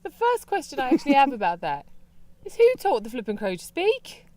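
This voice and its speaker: Woman from Britain, co-host, casual chat, lively swooping pitch, incredulous rhetorical questions. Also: a little fast, no echo.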